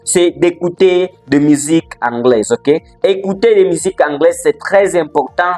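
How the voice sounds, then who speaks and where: A man teaching an English lesson in a lively, emphatic way, repeating words for emphasis, with faint music behind. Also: a little high, normal speed. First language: not English. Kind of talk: motivational language lesson. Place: language training center in Likasi.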